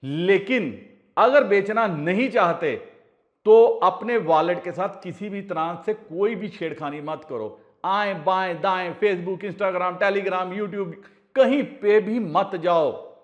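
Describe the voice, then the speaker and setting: A man's voice: high-pitched, takes it slowly, dull audio. A man from India hosting a casual advice vlog, talking earnestly and repeating his warnings over and over, pleading personally with his viewers. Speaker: crypto channel host.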